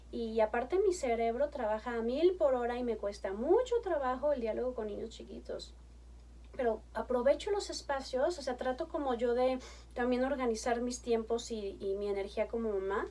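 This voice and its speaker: High-voiced woman therapist chatting about parenting, lively, acts out talks with her kids, sounds a bit off-mic. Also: distant mic. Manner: animated, acts out chats with her kids in a bright coaxing tone. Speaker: family therapist. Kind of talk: conversational parenting advice.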